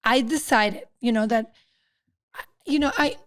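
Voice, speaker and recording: Woman in her fifties, podcast co-host, high and chatty, dead-dry recording. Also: unhurried, a bit bright, no echo. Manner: chatty, laughs often. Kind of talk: casual chat.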